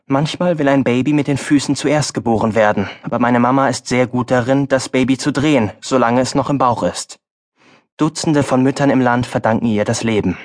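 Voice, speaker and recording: A man reading a fantasy audiobook in a calm, even, first-person storytelling manner. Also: medium pitch, fairly quick. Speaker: audiobook narrator. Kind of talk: scripted first-person narration.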